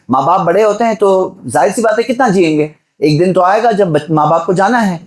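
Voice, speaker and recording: A man's voice: high-pitched, a little mellow. A man delivering a Friday sermon, exhorting the listeners and asking them rhetorical questions. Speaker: preacher.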